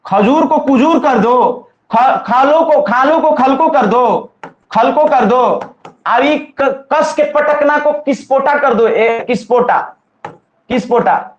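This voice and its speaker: A man's voice: very high voice, slow pace. A male teacher, drilling students in an exam-coaching lesson with call-and-response repetition. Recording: echoey room, slightly dull sound.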